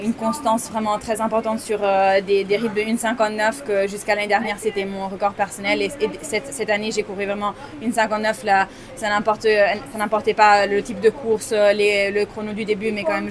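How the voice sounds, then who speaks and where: A young woman athlete with a slight Italian accent, a native Italian speaker, pauses and searches for words as she talks after her race. Her voice sits at an ordinary pitch for a woman. A loud crowd fills the stadium behind her. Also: level tone. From Italy. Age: 20s. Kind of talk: post-race interview. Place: outdoors at a stadium.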